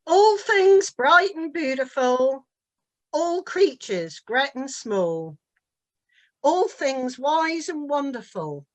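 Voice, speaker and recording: Slow, lilting Norfolk woman reciting verse. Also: sits high, big pitch swings. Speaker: dialect poet. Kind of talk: poetry recitation.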